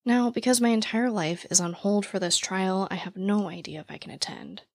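A young woman with a naturally raspy, gravelly voice, full of vocal fry, rattles along as a podcast host, breathless and fast. She is recorded close and dry on a podcast mic, with no room sound around her. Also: medium pitch, a little mellow, no room sound. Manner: talks very fast, with laughs and fillers. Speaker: true crime podcast host. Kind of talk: casual chat to listeners. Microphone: podcast mic, standing while recording.

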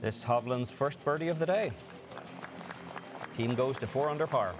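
A man giving golf commentary and analysis as a co-commentator, in a measured, analytical way. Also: medium pitch, over music.

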